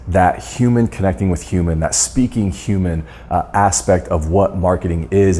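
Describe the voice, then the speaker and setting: Here a man with a low-pitched, dark voice tells stories to course members. He's a guest speaker on dental marketing, earnest in manner and given to restarting his sentences.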